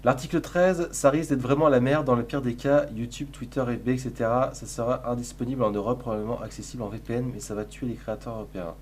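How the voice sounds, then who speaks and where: A man's voice: medium pitch, fairly even intonation, fast talker, few pauses, a little hiss or hum. A man streaming live, chatting casually in a crude, sarcastic, rambling way while answering his chat.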